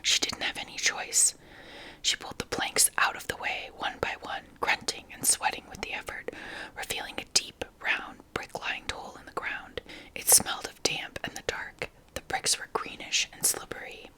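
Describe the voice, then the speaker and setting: Whispering woman reading a story, bright, crisp edge. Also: normal speed, poor audio. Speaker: ASMR reader. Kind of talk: whispered ASMR audiobook reading.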